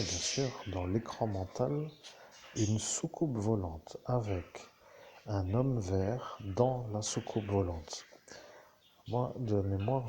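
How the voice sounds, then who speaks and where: A man's voice: fairly low pitch, mellow, slight background noise. A man giving a rambling spiritual monologue to his listeners, digressive and full of asides and self-corrections. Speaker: spiritual speaker addressing listeners.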